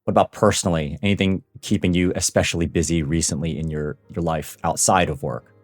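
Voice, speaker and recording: A man's voice: deep voice, steady tone, fairly quick, dry recording, soft background music. A man hosting a career podcast and asking his guest questions. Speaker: podcast host. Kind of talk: interview podcast.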